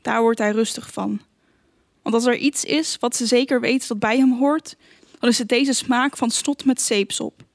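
Calm woman reading an audiobook. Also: fairly high pitch, moderate pace, dry recording, clean studio sound. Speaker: audiobook narrator. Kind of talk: scripted narration.

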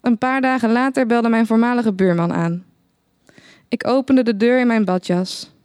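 Een vrouw leest een verhaal voor in de ik-vorm, droog en laconiek verteld. Haar stem is vrij hoog en klinkt dicht en droog opgenomen, zonder galm. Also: female voice, fairly high pitch, moderate pace, clean tone, no room sound. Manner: dry, deadpan first-person narration. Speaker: narrator. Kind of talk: reading a satirical short story aloud.

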